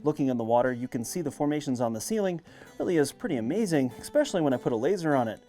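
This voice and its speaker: A man's voice: a little high, expressive, very fast, mellow. A man working as a cave tour guide, narrating a guided tour on location and explaining the sights as he moves along. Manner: explanatory, presenting sights on the move. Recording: music behind the voice.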